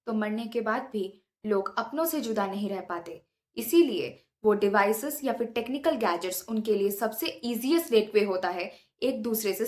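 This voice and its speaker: As host and narrator, a woman tells scripted paranormal stories in a dramatic, suspenseful way, weaving in English words. Her voice is a little high and a bit bright.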